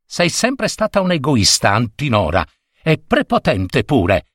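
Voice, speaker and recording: A man's voice: medium pitch, wildly swooping pitch, measured pace, no room sound, studio quality. A man voicing a blunt young schoolboy who scolds a classmate. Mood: scolding.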